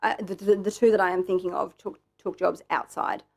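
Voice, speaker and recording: Woman, Australian accent, witness testimony, hesitant, gravelly. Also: medium pitch, steady tone, a little fast. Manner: hesitant, repeats words, careful. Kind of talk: formal testimony.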